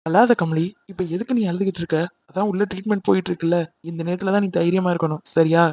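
A man voices a worried young man in a homemade cartoon, earnest and pleading. He talks fast in a high, lively register. The recording is dry and a little dull, like a lo-fi home mic. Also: very noisy. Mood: comforting. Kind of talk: amateur cartoon dubbing.

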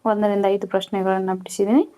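A woman teacher, slowly reading out questions and answers and repeating each one for students to copy. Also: medium pitch, level tone, warm tone, clear, resonant tone. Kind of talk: slow dictation-style Kannada lesson.

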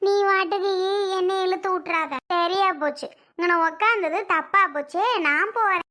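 A woman playing a nagging older mother-in-law who scolds and laments in a drawn-out village way. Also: very high-pitched, bright, forceful tone. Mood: defensive. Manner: scolding, lamenting drawl with village Tamil speech. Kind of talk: family drama skit.

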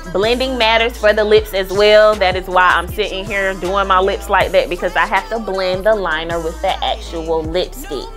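A beauty vlogger with a medium-pitched, fairly bright voice gives a casual makeup tutorial over background music. She's sassy and playful, speaking straight to her viewers.

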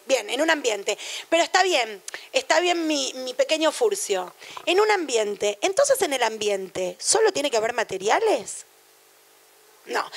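A woman's voice: high-pitched, gravelly. A middle-aged woman with a Rioplatense Spanish accent giving a university lecture on education in a chatty, digressive way, full of anecdotes and asides.

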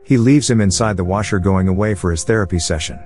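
A man narrates a film plot in a steady, even scripted read. His voice sits low, and it is recorded close to the mic. Soft music plays faintly behind him. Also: quick pace. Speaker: movie recap narrator.

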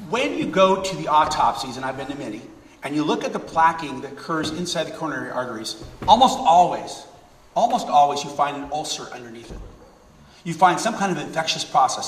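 A middle-aged man speaks quickly and energetically to an audience, often repeating words to drive a point home. The sound is roomy with a long hall reverb, and the mic sits a fair way off. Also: a little high, sing-song, far from the mic. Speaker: speaker giving a talk. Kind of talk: public talk with audience questions.

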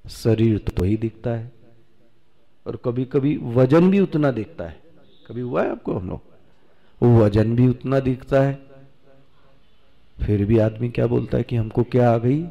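Indian swami, unhurried scripture discourse, soft dark tone, asks and answers himself. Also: male voice, medium pitch, vocal fry, dull audio. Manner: rhetorical questions answered himself; slow, drawn-out recitation of Sanskrit.

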